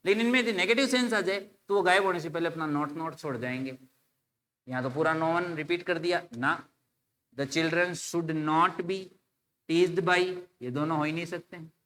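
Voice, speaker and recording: A male teacher with a bright, slightly high voice explains things casually, as in a classroom, for an exam-solution video lecture. He speaks Hindi sprinkled with English terms, spells words out letter by letter, and calls his students "bhai."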